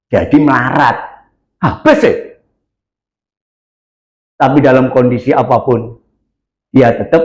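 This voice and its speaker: A man preaching a sermon in a church, telling a story and swinging from low, quiet lines to high, loud cries. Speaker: pastor. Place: church hall. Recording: echoey church hall.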